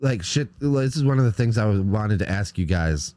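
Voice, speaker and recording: A man co-hosting a casual movie-review podcast, talking in an animated, profane, emphatic way. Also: on the low side, normal speed, no echo, studio quality. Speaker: podcast co-host.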